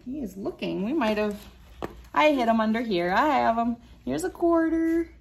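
A slightly high, gravelly voice with lively intonation and a moderate pace comes through, alongside a faint hiss or hum. The woman, in her thirties, reads from a science book and demonstrates for children, speaking encouragingly to young viewers. She sits by a window in a small wood-panelled room, recorded by a device camera at about arm's length.

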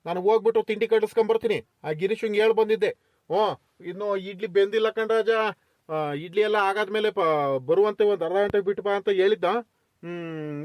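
A man's voice: high voice, a little mellow, dry recording, lightly acted. A man voicing an elderly village farmer in a comedy cartoon, talking in a rural southern Karnataka Kannada accent and fussing to hurry his workers. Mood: chatty. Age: older. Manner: fast, fussing and peacemaking. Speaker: farm owner.

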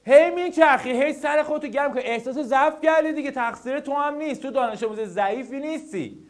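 A young man teaching students how to study, lecturing and speaking to them directly. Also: extremely high pitch. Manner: animated, addresses students directly.

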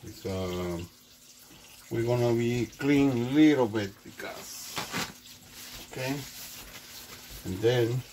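Man cooking in a humming kitchen. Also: medium pitch. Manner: halting non-native English with many restarts. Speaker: home cook. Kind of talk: casual cooking demonstration. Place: small home kitchen, indoors. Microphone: camera mic across the kitchen. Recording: home kitchen with clear background hum.

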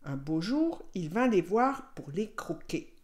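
A woman teacher reading a children's story aloud, narrating with expressive, lively storytelling. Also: fairly low pitch, takes it slowly.

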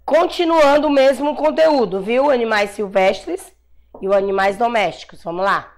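A Brazilian woman teaching a class of young children, sounding out syllables slowly and patiently, calling herself auntie and praising often. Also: on the high side. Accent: Brazilian Portuguese. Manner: calls herself "tia", encouraging praise. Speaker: primary school teacher. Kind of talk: slow dictation-style class for young children.

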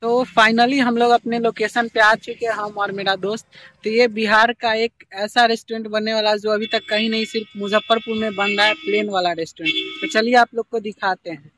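A young man from Bihar hosts a casual walking vlog in an open field, talking eagerly to his viewers. His voice sits high for a man. He films on a phone held at arm's length. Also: flat delivery, brisk, bright, forceful tone, no room sound, soft background music, rough recording. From Bihar, India. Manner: chatty, enthusiastic tour-guide talk to viewers. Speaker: vlogger. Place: outdoors in an open field at sunset.

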